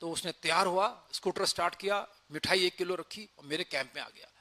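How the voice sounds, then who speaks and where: An ex-army officer, high-pitched and talking a little quickly, relates something that happened during his service. The retelling is spirited, with him acting out what each person said.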